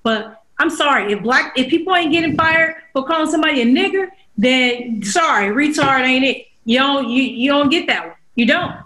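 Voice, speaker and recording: A fairly high-voiced woman holding forth on a podcast. She talks bluntly, swears often and keeps a casual, opinionated flow. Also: moderate pace, few pauses, poor audio. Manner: blunt, profane, animated ranting. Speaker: podcast co-host.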